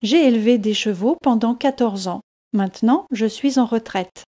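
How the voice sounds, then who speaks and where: A woman's voice: on the high side, normal speed, mellow, lightly acted. A woman voicing a retired old Englishman, a tall, thin, kindly fisherman with an easygoing manner. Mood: friendly.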